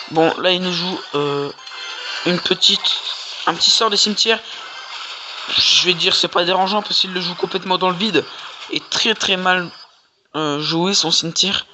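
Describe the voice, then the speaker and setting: A gamer doing casual, slangy, exclamatory live commentary on gameplay, with a mid-pitched voice. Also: low-quality recording. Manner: informal, slangy, exclaiming at plays. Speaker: gaming video creator. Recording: music behind the voice. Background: music.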